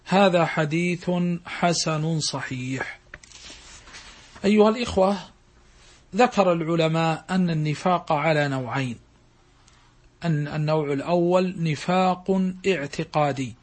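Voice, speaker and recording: A man giving a religious lesson in formal standard Arabic, with measured classical diction, as a teacher who recites and explains. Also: fairly high pitch.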